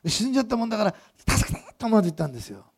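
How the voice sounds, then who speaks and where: A pastor delivers a rapid-fire sermon in a husky, breathy voice that sits high for a man, with a gravelly fry running through it. He narrates the scene like a lively story and turns to the congregation with questions.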